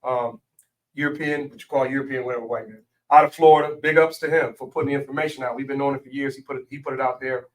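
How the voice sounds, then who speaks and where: A man's voice: medium pitch, steady tone, quick pace, distant mic, rough recording. Emphatic man lecturing from off-mic. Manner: emphatic, lecturing, spells out words letter by letter. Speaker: guest. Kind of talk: casual studio interview.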